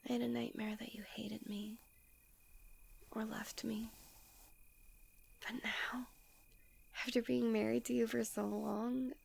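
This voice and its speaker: A woman voicing a doting, possessive fox-spirit wife in a soft, breathy whispered role-play, speaking gently, intimately and soothingly. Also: fairly high pitch, full character voice. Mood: soft, dreamy.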